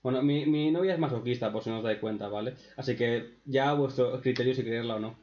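A man's voice: mid-range voice, fast talker, a little mellow. A man with an accent from Spain, doing crude, sarcastic reaction commentary as a streamer. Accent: Spain Spanish. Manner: foul-mouthed, sarcastic, mocking. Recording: echoey room, dull lo-fi sound.

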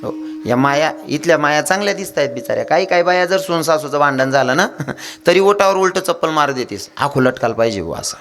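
Animated Khandeshi Marathi kirtan preacher, man. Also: a little high, fairly quick. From India. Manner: animated storytelling with acted voices and jokes. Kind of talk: humorous devotional kirtan sermon.

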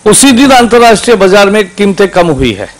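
A male politician making slow, deliberate accusations at an indoor press conference into a desk microphone. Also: high-pitched, very animated.

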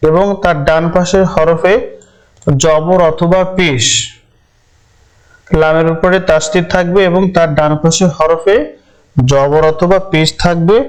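A man giving a step-by-step Quran reading lesson, patient and repeating each rule slowly. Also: fairly high pitch, smooth, poor audio.

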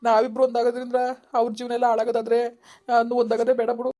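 Woman doing a broke young guy dumping his girl, flat and mellow, talks fast. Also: fairly high pitch, close to an everyday voice. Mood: resigned. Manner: flat, reasoning, firm. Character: poor young man calmly dumping his girlfriend.

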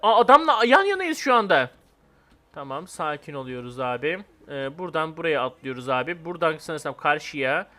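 A young man hosting his gaming channel, giving live commentary on a game, swinging between hyped shouting and calm muttering to himself. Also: a little high, moderate pace.

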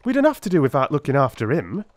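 A male reader puts on a plain-spoken police constable in a dramatic audiobook. He is touchy and blunt, talking colloquially with an aggrieved air and lively swings of pitch, recorded dry. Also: fast, no echo. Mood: irritated.

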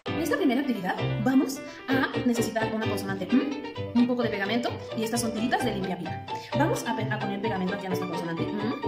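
A kindergarten teacher, singing and guiding small children through a lesson in a sing-song, encouraging way. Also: female voice, mid-range voice. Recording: echoey room, far from the mic.

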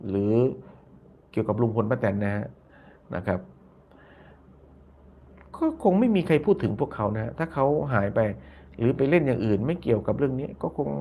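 A man with a medium-pitched voice hosts a casual live-stream commentary on his YouTube channel, and the audio has its highs cut off. He reads viewer comments aloud, repeats phrases often, and tags his lines with polite particles.

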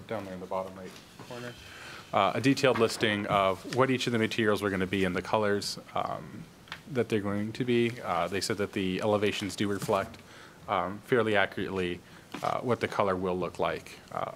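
A man's voice: lowish voice, a bit bright. A man on town planning staff giving a matter-of-fact report at a public meeting, with frequent fillers. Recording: faint background noise.

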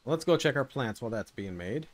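A streamer playing a survival game thinks aloud in a casual let's-play, often muttering to himself and sounding unsure. His mid-range voice has lively intonation and moves a little fast.

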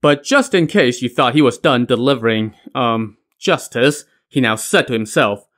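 A man's voice: mid-range voice, animated, normal speed, a bit bright. A man narrating a classic tale as a podcast host, in a wry tone with dry asides. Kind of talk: storytelling narration.

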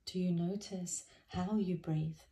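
A woman leads a guided body scan meditation in a mellow, relaxed, slightly low voice. She speaks very slowly and gently, soothing and unhurried, letting her phrases end softly.

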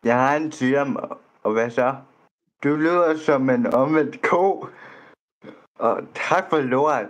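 A man's voice: medium pitch, poor audio. Blunt, stammering young man chatting online. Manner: blunt, teasing, trips over words and restarts. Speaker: vlogger chatting with strangers online. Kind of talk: casual chat.

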